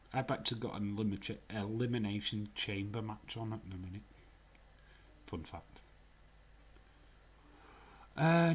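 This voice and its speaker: Fairly low in pitch and carrying a little hiss or hum, the voice belongs to a Yorkshire-accented man running a live stream. He banters with and teases his chat, laughs frequently, and occasionally lowers his voice to nearly a whisper.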